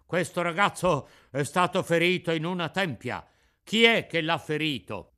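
A man's voice: a little high, expressive, moderate pace, pushed and bright, pitched above the performer's own voice. A man playing curt, commanding policemen. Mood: stern. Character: stern military policemen, gruff and curt. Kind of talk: dramatic radio reading.

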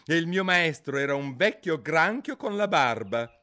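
A man's voice: fairly high pitch, expressive, moderate pace, pushed and bright, voice pushed up. A man reading an audiobook, voicing an impatient, bossy griffin who talks in a brusque, scolding way. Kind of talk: audiobook character voice.

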